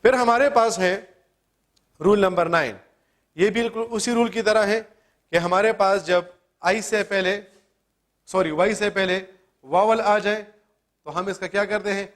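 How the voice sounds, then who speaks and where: A man with a notably high voice gives a classroom grammar lesson. He keeps asking questions and answering them himself. He spells words out letter by letter as he walks through each rule. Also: pauses often, fairly bright tone. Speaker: English teacher.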